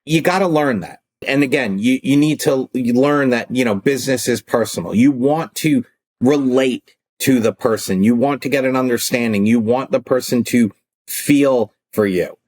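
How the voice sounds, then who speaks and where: A man's voice: mid-range voice, normal speed. A middle-aged man, an attorney turned coach, talking casually in a podcast interview and acting out calls and arguments as he tells stories. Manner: animated, acts out phone calls and arguments.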